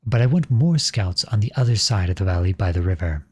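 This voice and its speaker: Expressive, with a darkish and slightly rough voice, the man portraying an outlawed young prince serving as a lowly soldier in a roleplay audio drama sounds serious and strategic. He speaks formally, in a measured, courteous and earnest way.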